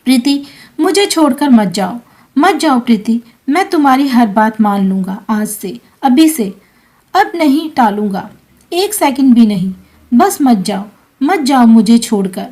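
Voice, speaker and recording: A woman's voice: on the high side, expressive, a little slow, darkish tone. A woman voicing a desperate young husband begging his dying wife not to leave, in a frantic, pleading manner.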